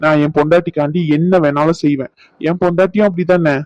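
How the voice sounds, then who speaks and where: A man's voice: on the high side, steady tone, quick pace, a little mellow, dry recording, muffled recording, close to an everyday voice. A man voicing a young husband in a cartoon who insists firmly but coaxes affectionately. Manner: firm, coaxing, insistent.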